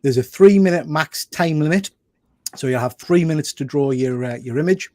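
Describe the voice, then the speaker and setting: A man's voice: a little high, normal speed, a little mellow, no room sound. A man casually hosting a group show in an informal, bantering way. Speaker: host.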